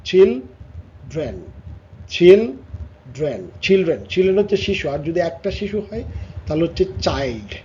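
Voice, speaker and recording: A man with a Bangladeshi accent teaching English vocabulary to young children, repeating each word and its sounds slowly. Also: on the high side, dark tone. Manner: slow drilled pronunciation, repeating words and sounds. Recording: slightly dull lo-fi audio with faint noise.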